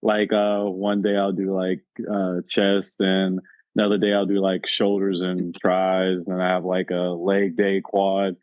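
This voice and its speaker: A man's voice: sits low, phone-quality sound. A man in his forties, a rambling panel guest in a casual chat. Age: 40s.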